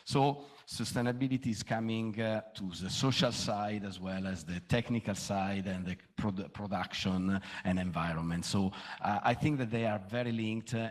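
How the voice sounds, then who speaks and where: A man speaking as a company manager on a conference panel, answering off the cuff in hesitant non-native English with many pauses. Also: low voice, steady tone.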